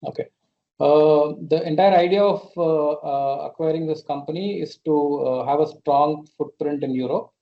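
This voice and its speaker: Over a conference call connection that sounds muffled and band-limited, an executive with an Indian accent fields questions on an earnings call. His voice is on the high side and gravelly at normal speed, and he explains hesitantly, frequently repeating words.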